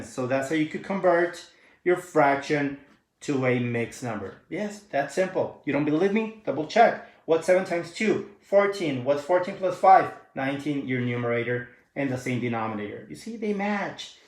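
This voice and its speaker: A man teaching a recorded math lesson, walking students through each step with quick questions and answers, calling them guys. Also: a little high. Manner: casual, addresses viewers as guys. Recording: echoey room.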